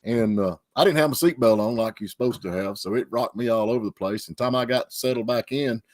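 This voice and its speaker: A man's voice: medium pitch, fairly quick, dry recording, studio quality. Folksy man telling stories. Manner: folksy, drawling storyteller. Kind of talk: casual storytelling chat.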